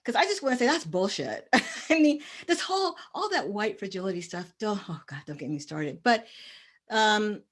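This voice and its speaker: A woman's voice: mid-range voice, very animated, moderate pace. A woman speaking as a panelist in a discussion, passionate and emphatic, with a tremor in her voice.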